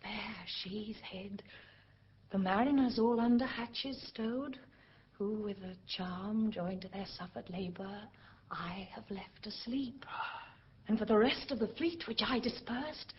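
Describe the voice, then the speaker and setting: A woman's voice: medium pitch, slow pace, natural voice. A woman playing Ariel, an eager and boastful spirit servant, in theatrical Shakespearean verse for an audio drama. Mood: hushed, satisfied. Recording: muffled lo-fi audio, music behind.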